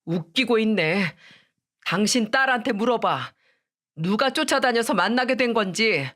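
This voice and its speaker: A woman's voice: a little high, animated, a little slow, fairly bright tone. A woman voicing a firm young man, a devoted son who speaks bluntly, in a radio story.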